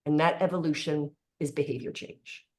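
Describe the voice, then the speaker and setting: A woman's voice: low voice, fairly even intonation, moderate pace, a little mellow. A woman, giving an informal, earnest talk on leadership with chatty asides. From Canada (born in South Africa). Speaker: leadership speaker.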